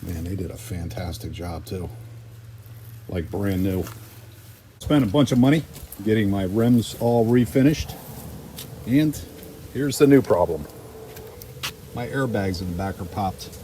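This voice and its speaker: Low-pitched and dark in tone, a man narrates a casual garage vlog, chatting in an upbeat way about the cars in his workshop while showing them. He's unhurried and pauses often, with a little hiss or hum on the recording.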